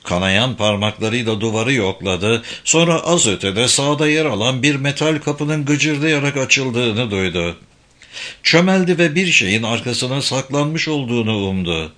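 A man narrating a suspense audiobook in a measured, suspenseful reading. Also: mid-range voice, sharp tone.

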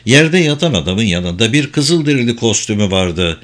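A man reading a crime novel aloud as a steady, even audiobook narrator. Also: on the low side, normal speed. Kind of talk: scripted narration.

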